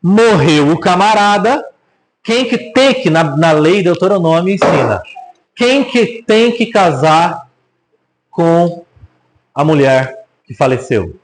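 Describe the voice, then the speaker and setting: A man's voice: high-pitched, slow pace, slight background noise, low-quality recording. A man with a Brazilian Portuguese accent teaching the Bible in a casual preaching style, joking and putting rhetorical questions to his audience. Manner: lively, asks the audience rhetorical questions, jokes.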